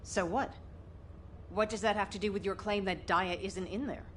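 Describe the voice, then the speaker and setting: A woman's voice: medium pitch, steady tone, moderate pace, a little hiss or hum, lightly acted. A woman playing a determined, defiant captain driven by grief, with intense, brooding delivery in a video game drama. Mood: challenging. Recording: music playing behind.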